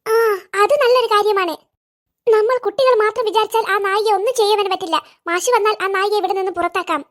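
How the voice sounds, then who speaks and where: A woman voicing chattering, curious young schoolboys in a cartoon, with quick excited kid talk. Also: very high-pitched. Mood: scheming.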